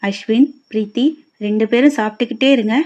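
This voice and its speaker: A woman voicing a gentle young mother. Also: fairly high pitch, steady tone, fairly quick, lightly acted. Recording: dull lo-fi recording.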